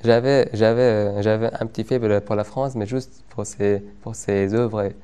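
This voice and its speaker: A man's voice: on the low side, steady tone, mellow, smooth. Stuttering young man. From Afghanistan. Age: young adult. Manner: stutters, many repeated words and pauses. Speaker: interviewee. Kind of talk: testimony interview.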